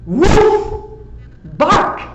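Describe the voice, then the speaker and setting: A woman voicing a glum, determined storybook dog. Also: drawn-out words. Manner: earnest, plaintive, determined. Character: glum male pet dog craving a proper name. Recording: echoey, dull, faint background hiss.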